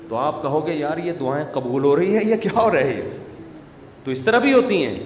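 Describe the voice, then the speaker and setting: A man with a Pakistani Urdu accent giving a humorous sermon, teasing the audience with joking asides. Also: a little high. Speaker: Islamic preacher. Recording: echoey hall with faint noise.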